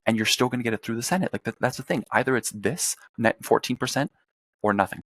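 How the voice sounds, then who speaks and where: A man's voice: mid-range voice, fast talker, fairly bright tone. A young man, a former congressional staffer, talking politics as a podcast guest in a blunt, profane, rambling way. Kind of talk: casual political chat.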